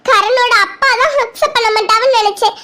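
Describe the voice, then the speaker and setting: A woman's voice: very high-pitched, quick pace, pushed and bright. Woman voicing a stubborn, earnest cartoon teen girl. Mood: defiant. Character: teenage girl, lovestruck, stubborn daughter.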